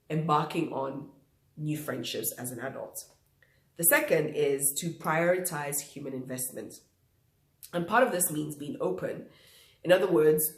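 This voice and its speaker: A young woman vlogger talking casually and reflectively to viewers, nasal and croaky with flu and short of breath. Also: sits low, reverberant. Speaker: vlog host.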